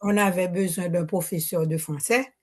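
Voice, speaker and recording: An older woman with a Haitian accent holds a handheld microphone to ask a question as an audience member at a public Q&A. Her lowish, darkish voice stays steady at a moderate pace while she speaks spontaneously, hesitating, restarting frequently and mixing Creole into her French.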